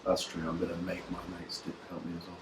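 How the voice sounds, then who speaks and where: A man's voice: low-pitched, completely flat delivery, fast, roomy sound, background noise. A man bantering casually in a garage workshop, tossing in dry jokes. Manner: dry, joking interjections. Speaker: car restoration co-host.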